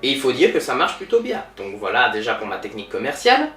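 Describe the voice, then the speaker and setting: A man's voice: mid-range voice, fast. A man playing a pompous, bragging billionaire in a comedy sketch interview. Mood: boastful. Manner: bragging, self-satisfied, lively storytelling. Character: boastful, pompous male billionaire entrepreneur. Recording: roomy, distant mic, faint music.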